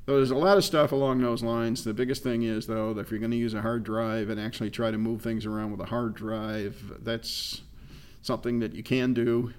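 A man co-hosting an easygoing tech advice talk show. He explains steps patiently and repeats his points, with fillers along the way. His pitch sits in the middle for a man. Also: steady tone, a little fast, smooth. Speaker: co-host. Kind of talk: casual tech advice chat.

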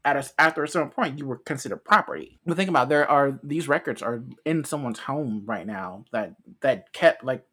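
A man's voice: mid-range voice, a little fast, hardly any pauses, fairly bright tone. An American man co-hosting a casual podcast, explaining his views earnestly and at length, often restarting his phrases. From United States. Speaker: podcast co-host.

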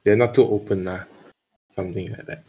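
A man's voice: lowish voice, fairly even intonation, a little fast, warm tone, breathy edge. A young man with a Singaporean accent, a podcast guest chatting casually and hesitantly in colloquial Singlish. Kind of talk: casual chat.

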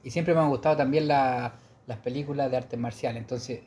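A young man with a Chilean Spanish accent, co-hosting a casual chat in a relaxed, rambling way. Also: medium pitch, brisk. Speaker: podcast co-host.

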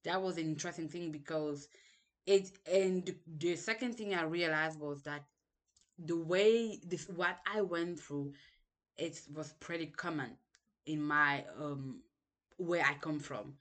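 A woman's voice: low voice, a little slow, a bit bright. A young woman from Cameroon with a Cameroonian accent, reflecting on her past in a hesitant monologue full of restarts and ums. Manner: hesitant, restarts sentences often, many ums. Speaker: podcast host.

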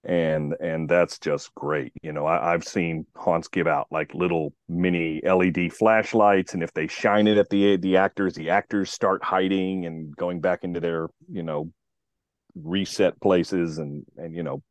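A man's voice: low voice, steady tone, unhurried, no echo. A man hosting a podcast in casual chat, rambling with many restarts. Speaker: podcast host.

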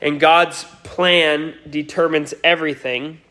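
A man's voice: fairly high pitch, fairly even intonation, takes it slowly, bright, forceful tone. A pastor giving a Sunday sermon, his voice nasal today, speaking earnestly with frequent restarts. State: nasal from a cold.

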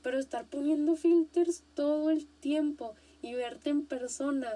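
A young Mexican woman hosts a casual podcast in a high-pitched voice with a mellow, darkish tone. Speaking a little slowly, she's animated and slangy, often repeating a point for emphasis.

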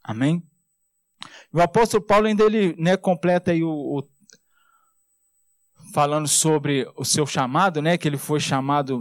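A Brazilian man preaching, with a high tenor voice and a close, dry sound with no room echo. He talks to his congregation conversationally and keeps checking in with quick tag questions. He stretches his key words slowly and low, then speeds back up. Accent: Brazilian Portuguese. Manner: slows and drops low on key words, then rises fast. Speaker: pastor. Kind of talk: sermon.

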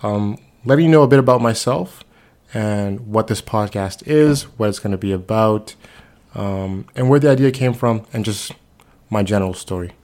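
A man in his twenties from the Bahamas, introducing himself as host of a solo podcast in a relaxed, conversational way with frequent fillers. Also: on the low side, normal speed. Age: 20s.

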